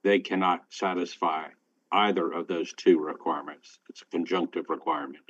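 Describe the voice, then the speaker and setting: Low-voiced, halting male judge. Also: fairly even intonation, no room sound. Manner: halting, deliberate, with frequent pauses. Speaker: presiding appellate judge. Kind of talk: formal spoken courtroom instructions. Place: remote court hearing. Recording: dry, dull remote-call audio.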